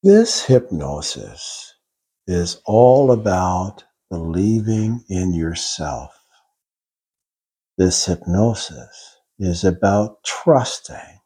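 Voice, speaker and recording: Male hypnotist, very low husky voice, slow soothing trance induction. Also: mellow. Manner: slow, soothing, drawn-out phrasing. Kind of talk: guided hypnosis script.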